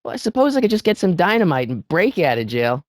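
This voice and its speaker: This is a high-voiced, fast-talking teenage boy performing an adventure game hero for animation. He's excitable and kind-hearted, his pitch swooping around as he stammers slightly and sounds incredulous. No room sound surrounds the dry recording.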